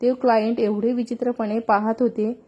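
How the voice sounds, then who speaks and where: A woman's voice: fairly high pitch, flat delivery, normal speed, breathy edge, highs cut off. A woman reading a story voices a hot-tempered young working woman who snaps irritably. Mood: irritated. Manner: irritated, snapping.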